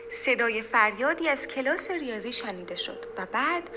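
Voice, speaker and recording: A woman narrates a story with expressive delivery. Her high voice moves widely in pitch, and clear music plays underneath.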